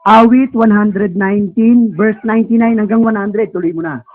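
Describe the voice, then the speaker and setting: A man's voice: high-pitched, steady tone, normal speed. A man preaching a conversational Sunday sermon in church, often asking the congregation rhetorical questions and prompting a reader through verses. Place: church service. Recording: tinny phone-like sound.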